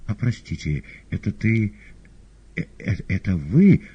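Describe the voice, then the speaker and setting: Storybook figure: unsure, gentle male writer, deep and husky, read by a man. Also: sing-song, measured pace, full character voice. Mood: hesitant. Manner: hesitant, soft, unsure. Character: timid, shaken middle-aged male writer. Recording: dull lo-fi audio.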